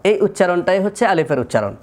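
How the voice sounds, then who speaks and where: A man with a high, light voice gives a slow, methodical recitation lesson. He repeats each sample sound patiently to demonstrate it. A faint hiss sits under the recording. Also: sing-song. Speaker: Quran recitation teacher.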